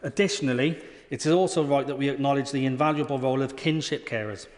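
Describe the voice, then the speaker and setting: A British man speaks in a large, reverberant debating chamber. He is a parliamentarian delivering a prepared speech, formal and earnest, at a medium pitch. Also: quick pace. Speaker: member of parliament. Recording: reverberant hall sound.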